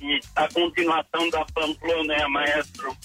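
A man's voice: a little high, level tone, normal speed, bright, forceful tone, faint music behind. A man calling in by phone to a radio show, complaining in an indignant, insistent way. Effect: heard over the phone. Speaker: radio call-in listener.

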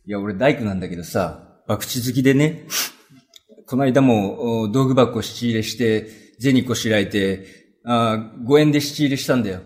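A man's voice: mid-range voice, moderate pace, a little mellow, natural voice. A man playing a broke male carpenter who gambles, talking in casual, coaxing street speech in a rakugo story. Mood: weary.

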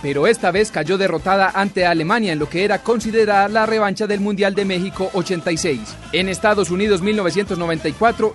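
A man reading scripted sports history as a radio narrator. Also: high voice.

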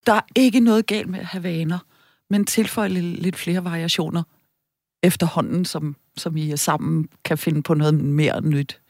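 Woman, radio guest, animated, laughs a lot, dry close sound. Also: on the low side, no echo. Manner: animated, laughs often, lists ideas quickly. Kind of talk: lively radio talk.

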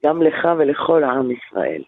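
Guy putting on a slow gravelly old lady, pious and content, sounds like a tinny phone. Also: medium pitch, sing-song, very noisy, pitched below the performer's own voice.

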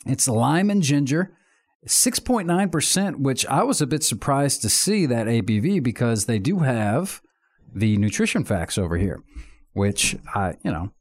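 A man's voice: medium pitch, big pitch swings, measured pace. A man co-hosting a casual podcast chat, rambling and chatty, often breaking off mid-sentence. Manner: rambling, chatty, self-interrupting. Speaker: podcast co-host.

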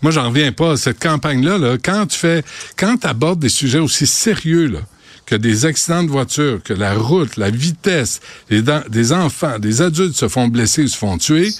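Male radio host, bright animated delivery, teasing and emphatic, dry studio sound. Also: medium pitch, normal speed, no room sound. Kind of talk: casual radio chat.

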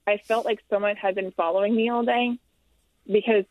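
A woman's voice: mid-range voice, steady tone, no echo. Woman on a tinny phone-like line. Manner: halting, repeats herself, laughs between hard parts. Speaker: guest telling her story. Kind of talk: emotional personal account. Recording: tinny, dry phone-like sound.

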